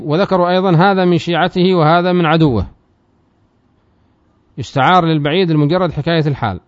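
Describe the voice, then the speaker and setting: A man teaching classical grammar at a quick clip, his pitch sitting a little high for a man. He reads each passage, then explains it and throws quick questions to his students. The recording is dry and a bit dull. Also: no room sound. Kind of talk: classical text lesson. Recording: slightly dull, dry sound.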